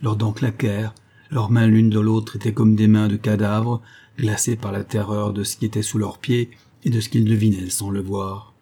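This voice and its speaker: Low, husky male gothic narrator. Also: flat delivery, normal speed, dark tone. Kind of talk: audiobook reading of a gothic tale.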